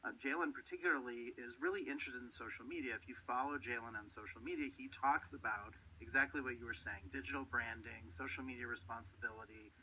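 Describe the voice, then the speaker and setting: A man's voice: medium pitch, quick pace, few pauses, pushed and bright, a little hiss or hum, poor audio. A middle-aged man from Detroit, a guest in a radio interview, talking earnestly and often repeating his words. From Detroit, Michigan. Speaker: guest, company representative. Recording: radio studio.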